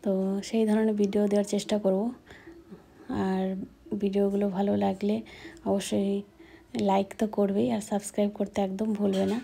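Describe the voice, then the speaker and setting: A young woman chatting casually in a home vlog, her voice dark, low and gravelly, often dropping to a hushed near-whisper. Her pitch stays flat, and a faint hiss of noise sits behind her. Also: normal speed, long pauses. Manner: speaks softly, often whispering; baby talk to her infant. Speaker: vlogger.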